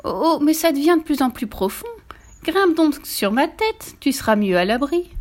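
A woman's voice: a little high, animated, moderate pace, voice pushed up, close to an everyday voice. Woman doing a sly coaxing fox. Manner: coaxing, wily, drawn out. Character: sly smooth-talking fox.

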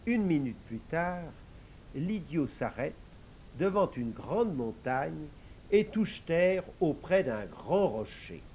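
A man narrating a fairy tale with expressive, dramatic pauses. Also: a little high, slight background noise, poor audio. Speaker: storyteller. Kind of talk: storybook narration.

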